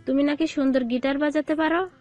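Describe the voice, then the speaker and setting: A woman voicing a friendly, easygoing middle-aged mother who talks in a warm, welcoming way in an audio drama. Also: high-pitched, fairly even intonation, fast talker, faint music behind, lightly acted. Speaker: voice actor. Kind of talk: Bengali audio love-story drama.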